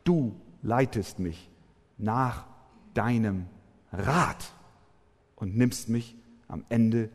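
A man preaching a sermon, emphatic, with forceful rising peaks. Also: medium pitch. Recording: long hall reverb.

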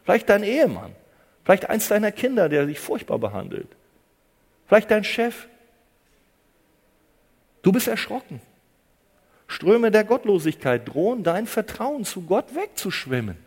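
A man preaching a sermon with a dramatic delivery, dropping to hushed low phrases and rising to loud emphatic cries, and repeating phrases for emphasis. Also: big pitch swings, measured pace, long pauses, husky, in a large hall.

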